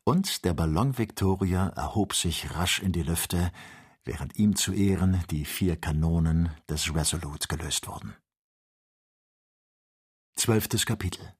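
A man reading a classic adventure novel aloud as an audiobook narrator, in a measured storytelling manner. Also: low voice, breathy edge.

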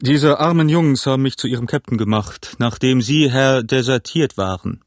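A man voicing a jovial, cunning one-legged pirate leader, talking in a smooth, mock-polite way in an audiobook. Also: mid-range voice, moderate pace, no echo, clean studio sound, lightly acted. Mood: wheedling. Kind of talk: audiobook character voice.

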